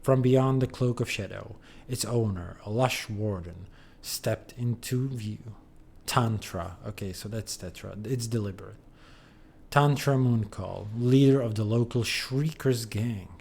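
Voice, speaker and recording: A man's voice: fairly low pitch, measured pace, creaky, darkish tone, a little hiss or hum. A man streaming a game, reading in-game books aloud with wry, amused asides.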